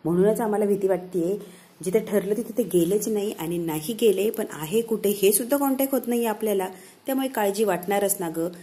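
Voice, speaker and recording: A grown son reasons gently with his grandmother in a quiet, mellow voice, as a woman retelling a TV serial puts him on. He sounds patient and concerned. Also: medium pitch, fairly quick, close to an everyday voice. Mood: reasoning. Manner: gentle, reasoning, softly spoken.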